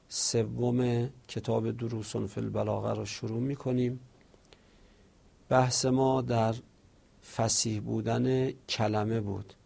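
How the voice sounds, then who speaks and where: A male seminary teacher with a gravelly, rough-edged voice at a middling pitch. He reads each line of an Arabic text slowly, then explains it in relaxed conversational speech. Now and then he asks and answers the book's questions in a livelier tone. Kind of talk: classroom lecture reading and explaining an Arabic text.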